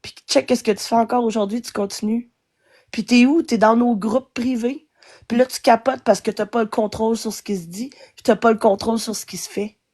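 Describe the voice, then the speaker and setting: A woman's voice: fairly high pitch, fairly even intonation, a little fast, a little mellow. A woman with a Québécois French accent ranting angrily as a guest on a live stream, swearing often. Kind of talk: angry live-stream rant.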